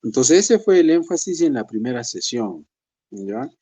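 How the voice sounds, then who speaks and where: A man in a pastoral teaching session speaks with a warm, mellow tone. He talks to the congregation in a conversational way, calling them brothers, and now and then mimics the excuses of believers. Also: very animated, measured pace, slightly rough. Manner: conversational, addresses listeners as brothers; acts out believers' excuses in a higher voice.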